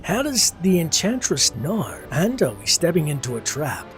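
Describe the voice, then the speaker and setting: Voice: medium pitch, very animated, normal speed. Scripted game-story narrator with faint music. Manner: formal storytelling in first person plural.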